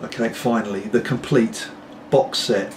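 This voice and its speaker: Slightly slow and steady, a middle-aged British man with a lowish voice smokes a pipe while chatting casually to camera from home. The pipe-smoking vlogger rambles, apologizing here and there. Distant miking leaves the background clearly noisy.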